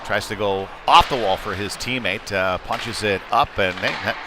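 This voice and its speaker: An unhurried man with a lowish voice commentates live on a youth hockey game, play by play, in a conversational and somewhat hesitant style. He's at an indoor ice rink, with clear rink noise and ambience throughout the recording.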